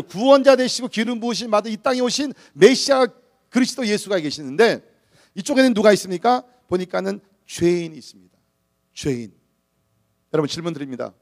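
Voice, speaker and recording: A male pastor preaching a sermon, calling out to the congregation for amens and swinging between loud exhortation and quiet storytelling. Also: high-pitched.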